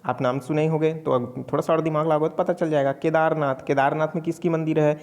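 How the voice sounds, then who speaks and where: A man's voice: a little high, fairly even intonation, fast, darkish tone, long reverb tail. A man from Chhattisgarh teaching an exam-prep Hindi grammar lesson, speaking casually to viewers as friends and answering his own questions.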